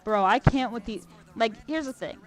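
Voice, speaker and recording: A woman streaming a video game, chatting casually in a rambling way, full of fillers and animated asides. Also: fairly high pitch, moderate pace, soft background music. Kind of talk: casual gameplay chat.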